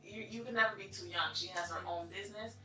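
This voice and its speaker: A woman's voice: mid-range voice, quick pace, sharp tone. A woman hosting a casual interview in a hair salon, upbeat and slangy as she hypes up her guest. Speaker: interview host. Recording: echoey room, mic at a distance, music behind.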